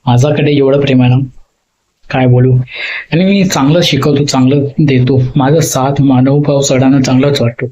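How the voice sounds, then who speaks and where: A man's voice: medium pitch, fairly even intonation, moderate pace, warm tone. A man talking in a casual vlog, rambling and emotional as he opens up about his feelings. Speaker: vlogger. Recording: slightly dull lo-fi audio.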